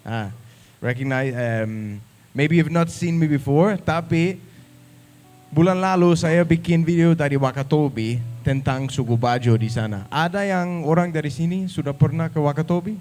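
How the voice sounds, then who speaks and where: A man's voice: fairly high pitch, steady tone, measured pace, darkish tone, faint music behind. A man from Denmark with a Danish accent, speaking Indonesian as a foreigner with some English mixed in, giving an informal talk to an audience. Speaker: guest speaker, travel YouTuber.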